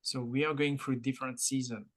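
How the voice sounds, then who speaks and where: A man's voice: mid-range voice, little pitch movement, brisk, fairly bright tone, rough recording. A man with a French-Mauritian accent co-hosting a podcast, talking casually and motivationally, explaining through analogies with encouraging repetition. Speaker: podcast co-host.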